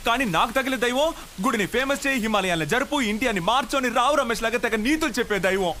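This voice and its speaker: A man's voice: very high-pitched, expressive, quick pace, bright, forceful tone, a little hiss or hum, exaggerated voice. An actor playing a frustrated young man, an earnest son who pleads and argues with exasperation.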